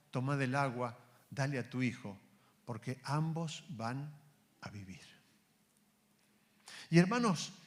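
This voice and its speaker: A man with an Argentine accent, preaching a sermon to his congregation. He calls them brothers, asks many rhetorical questions and drops to a soft, slow voice when quoting God. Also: on the high side. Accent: Argentine Spanish.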